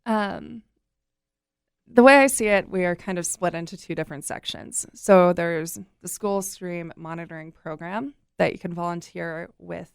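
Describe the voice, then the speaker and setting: Upbeat, chatty woman, gravelly voice. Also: lowish voice, no room sound, clean studio sound. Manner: upbeat and chatty, laughs easily. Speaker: guest, nonprofit communications coordinator. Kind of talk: casual interview chat.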